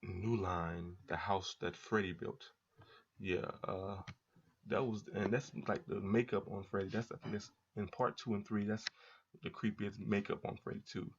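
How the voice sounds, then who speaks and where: A man chatting casually as a reaction video host, rambling and halting with repeated words. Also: lowish voice, steady tone, vocal fry, slightly rough. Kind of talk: casual chat, trailer reaction commentary. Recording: dull lo-fi sound.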